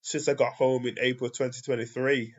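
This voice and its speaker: A man's voice: medium pitch, a little fast, husky, highs cut off. British man reading out testimony. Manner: reads transcript flatly, then rants loudly with laughter. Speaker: commentator. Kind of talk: reading out and reacting to trial testimony.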